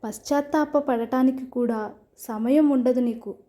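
Sarcastic, impatient husband, read by a woman; slow and mellow, somewhat high. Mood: stern. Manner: sarcastic, stern. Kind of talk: storybook reading.

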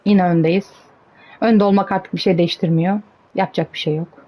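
A woman's voice: on the low side, fairly even intonation, normal speed, mellow, soft background music. A young woman giving casual commentary on her own gameplay, cheering herself on and getting exasperated. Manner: chatty, self-cheering, exasperated at the game. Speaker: gaming streamer.

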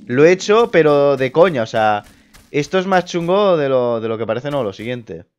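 A young man giving casual let's play commentary, excitable and quick to swear. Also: a little high, dull audio. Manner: excitable, swears, laughs at scares. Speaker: gamer.

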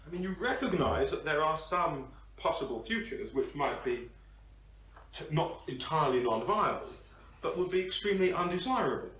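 A man's voice: a little high, sing-song, moderate pace, fairly bright tone. A man from the audience asking a long, searching question, hesitating as he builds his argument. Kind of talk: discussion question. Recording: roomy sound from far off the mic, faint hiss.

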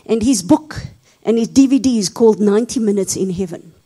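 A South African woman telling a story at a seminar as a sermon, dropping to whispers and rising to shouts for effect. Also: medium pitch, animated, a little fast, husky. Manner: dramatic, drops to whispers and rises to shouts when telling a story. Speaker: seminar speaker. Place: seminar hall.

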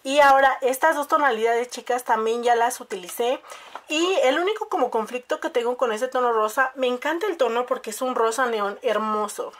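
A woman's voice: on the high side, fairly quick. Chatty woman reviewing makeup. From Mexico. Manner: chatty, addresses viewers as "chicas". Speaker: beauty vlogger.

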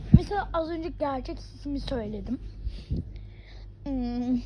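High-voiced chatty young vlogger woman. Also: slight background noise. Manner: chatty and rambling, with hushed asides. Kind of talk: casual chat to camera.

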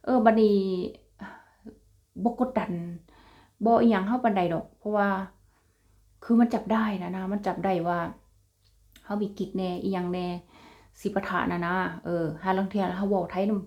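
A woman's voice: mid-range voice, fairly even intonation, normal speed, pauses often, lo-fi sound. Chatty Isan-accented woman vlogger. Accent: Isan (Northeastern Thai). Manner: chatty, laughs often, addresses viewers as siblings. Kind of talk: casual chat to viewers.

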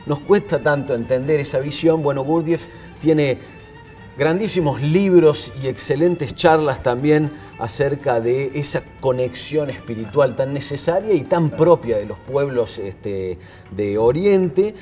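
A man's voice: medium pitch, measured pace, darkish tone, soft background music. A man, co-hosting a TV studio interview and explaining at length on a lapel mic. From Argentina. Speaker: co-host.

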